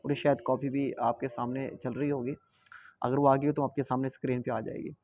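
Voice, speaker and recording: A young man from Pakistan, telling a story to camera in an animated way, repeating phrases and chuckling often. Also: medium pitch, brisk, highs cut off, a little hiss or hum. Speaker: vlogger.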